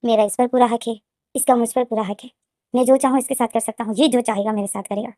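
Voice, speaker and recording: A woman voicing a possessive young rich man who gives orders to his bodyguards in a calm, commanding way. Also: fairly high pitch, fast talker, no echo, studio quality, natural voice.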